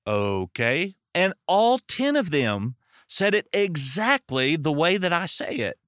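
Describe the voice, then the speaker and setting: A man's voice: sits high, big pitch swings, a little slow, a bit bright, no room sound, studio quality. Southern-accented male podcast host. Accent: Southern American. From Arkansas. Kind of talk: casual podcast interview.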